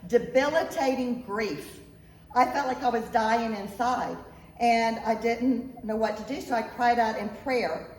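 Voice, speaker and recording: This woman's voice is a little high and a little mellow, with fairly even intonation and a measured pace. She is an author giving an earnest, emphatic talk at a local event, repeating points, on a handheld mic she sometimes drifts off. The echoey room is captured from far away with faint noise.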